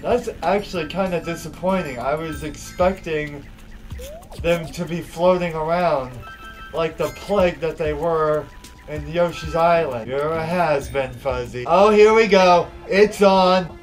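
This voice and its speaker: A young man giving excitable, profane let's play commentary, gushing and emotional about the game. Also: on the high side, a little slow, soft background music. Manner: excitable and profane, swearing often. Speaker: gameplay commentator.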